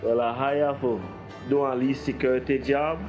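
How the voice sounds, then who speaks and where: A man in his thirties speaks casually and plainly in a testimonial. Clear guitar music plays behind him. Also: mid-range voice, level tone, normal speed, highs cut off. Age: 30s. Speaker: project worker in a testimonial.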